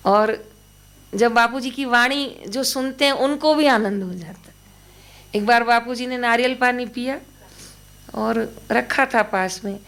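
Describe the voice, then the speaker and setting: A woman's voice: on the high side, a little slow, fairly bright tone. A woman giving a spiritual storytelling talk. She narrates anecdotes about a guru and voices the dialogue of the people in them. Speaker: devotional storyteller.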